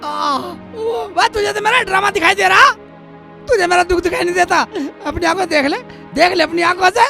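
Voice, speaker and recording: A man's voice: very high voice, a little fast, creaky, sharp tone, soft background music, exaggerated voice. A man playing a bumbling, melodramatic village husband in a slapstick comedy film, whining and wailing. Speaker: comic lead.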